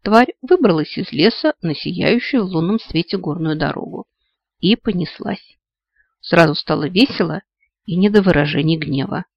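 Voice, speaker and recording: A man's voice: high voice, normal speed, creaky, dry recording, dull audio. Man narrating a fantasy audiobook.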